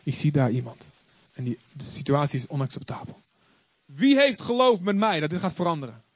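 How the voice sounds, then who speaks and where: A man preaching an animated sermon to a congregation, acting out stories and asking the listeners to join in. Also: on the high side, a little fast, no echo. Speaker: pastor. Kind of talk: lively sermon. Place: church before a congregation. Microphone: recorded live. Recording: slightly muffled, dry.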